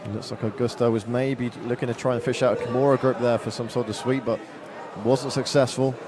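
A man's voice: mid-range voice, little pitch movement, fairly quick. Male fight commentator over crowd noise. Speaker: play-by-play commentator. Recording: crowd and venue noise behind. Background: arena crowd.

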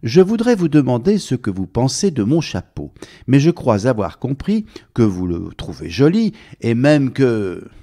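A storyteller voicing a fussy gentleman who rambles on in an endless, breathless stream of chatter. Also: medium pitch, very animated, measured pace. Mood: chatty.

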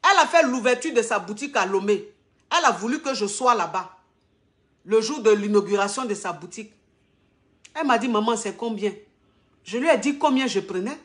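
A woman's voice: on the high side, fairly bright tone. A woman influencer giving an indignant live-video monologue, stressing her points by repeating phrases. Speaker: social media influencer.

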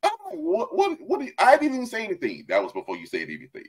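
Speaking very fast in a very high voice, this middle-aged man, an author and host, keeps a casual video call lively from a room in his home, laughing frequently and gesturing. He uses a headset, and a crowd can be heard in the background.

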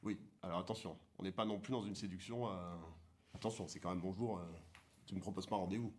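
An actor playing a pushy job-interview coach who lectures, interrupts and keeps restarting the drill, in a film comedy scene. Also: male voice, deep voice, fairly even intonation, fast talker, a little mellow, a little hiss or hum, close to an everyday voice.

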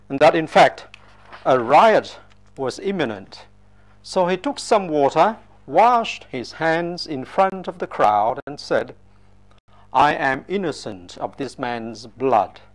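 A man reads the Gospel aloud at Mass, unhurried and solemn, letting each phrase settle. His voice sits a little high for a man. He sounds measured and deliberate, as in church. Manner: slow, measured, solemn reading. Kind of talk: liturgical Gospel reading.

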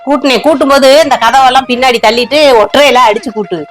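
A woman's voice: high voice, a bit bright, faint music behind. A woman in a scripted comedy sketch, bossily giving orders. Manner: bossy, giving rapid orders.

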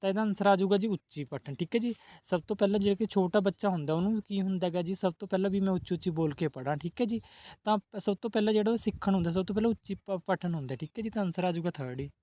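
A man's voice: high-pitched, very fast, warm tone, no echo. A man teaching exam-prep questions, who asks each question and then answers it, adding a polite "ji" again and again.

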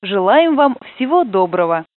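A woman's voice: mid-range voice, sing-song, normal speed, no echo. A woman reading prerecorded train announcements, heard over the train's intercom, polite and formal. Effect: played over a train intercom. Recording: narrow phone-like dry sound.

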